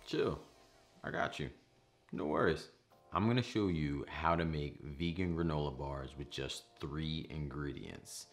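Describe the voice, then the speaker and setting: A man in his thirties hosts a home cooking vlog from his kitchen, speaking casually to camera and then in voice-over, with playful, jokey asides. His voice is extremely low and gravelly and a little slow, with faint music behind.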